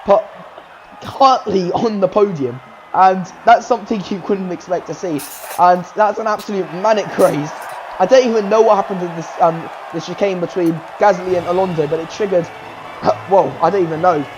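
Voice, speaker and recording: A man with a notably high voice calls race results in an excitable, rambling way, full of "um"s as he works through the standings. The recording sounds slightly muffled, with a faint hiss behind him. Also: normal speed. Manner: excitable, rambling, frequent "um" fillers. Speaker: race commentator and series host. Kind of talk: casual sim-racing commentary.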